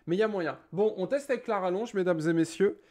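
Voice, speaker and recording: A man's voice: sits high, fast, darkish tone. A young man casually reviewing a webcam at his home desk, joking, rambling and swearing as he sets it up. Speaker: tech YouTuber. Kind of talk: casual product review vlog.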